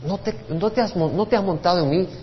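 A man's voice: high-pitched, quick pace, long reverb tail, highs cut off, slight background noise, voice pushed up, close to an everyday voice. A man voicing a reproachful talking female donkey in a sermon retelling. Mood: pleading.

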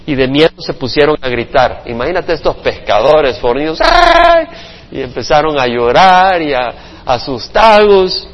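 A male pastor preaching a Bible study sermon to a congregation, expressive, with playful sound effects and acted quotes. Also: on the high side, moderate pace. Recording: muffled reverberant church recording.

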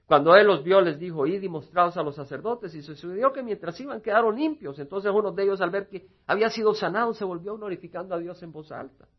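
Husky guy pastor preaching, goes loud then soft, dull lo-fi recording. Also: high voice, fast talker, hardly any pauses. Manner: swings from loud emphasis to near-whispered asides; acts out little quoted dialogues. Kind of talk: sermon.

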